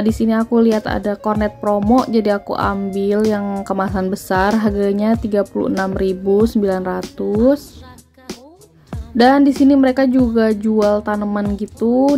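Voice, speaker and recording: A woman's voice: mid-range voice, warm tone. A woman, chatting through a grocery haul voice-over and listing prices. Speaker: vlogger.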